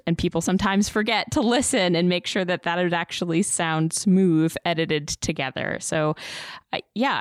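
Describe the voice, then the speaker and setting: A woman podcast producer answering interview questions about editing in a relaxed, conversational way. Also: on the low side, no room sound, clean studio sound. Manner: relaxed, conversational, laughs lightly. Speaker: podcast producer, guest expert. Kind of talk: interview answers, casual explaining.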